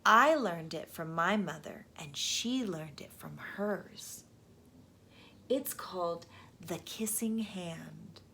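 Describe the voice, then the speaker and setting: A woman voicing a loving, reassuring mother raccoon in a children's storybook, speaking gently and soothingly. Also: on the low side, slow pace, gravelly, a little hiss or hum, pitched below the performer's own voice, exaggerated voice. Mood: confiding. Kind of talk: children's storybook read-aloud.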